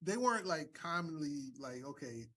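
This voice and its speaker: Relaxed talk show host, a man. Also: on the high side, moderate pace, breathy edge. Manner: relaxed, conversational questioner. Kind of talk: casual interview conversation.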